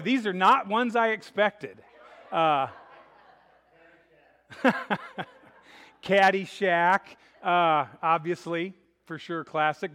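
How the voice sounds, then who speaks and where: A man's voice: high-pitched, a bit bright. A man preaching a sermon as pastor, chatty and joking at times, earnest when preaching. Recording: reverberant hall.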